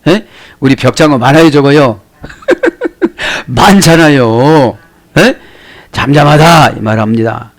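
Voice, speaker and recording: A man's voice: medium pitch, lively intonation, takes it slowly. A man, a pastor giving a Bible study sermon, explaining words one by one and asking the listeners rhetorical questions.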